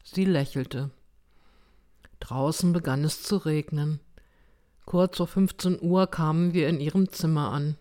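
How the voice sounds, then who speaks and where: A woman reads a first-person story aloud like an audiobook narrator. Her voice is rather low, and she keeps a slow, unhurried, steady pace.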